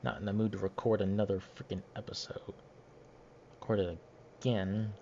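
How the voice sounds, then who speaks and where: A man's voice: lowish voice, level tone, moderate pace, gravelly, mellow, muffled recording, slight background noise. A man narrating over his gameplay footage after the fact, grumbling and rambling in an annoyed way. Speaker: gameplay commentator. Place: home recording setup, voiced after the footage.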